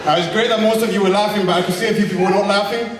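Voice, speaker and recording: A young man from Zambia, doing an energetic, rabble-rousing stand-up comedy set and shouting his punchlines. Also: sits high, very fast, heavy reverb, long reverb tail, far from the mic, a loud crowd, very noisy. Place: comedy club stage. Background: audience laughter.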